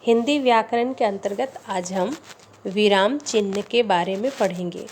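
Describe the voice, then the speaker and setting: A woman teacher explaining grammar in a slow, deliberate way, repeating example sentences. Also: mid-range voice, a little mellow, slight background noise. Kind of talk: Hindi grammar lesson.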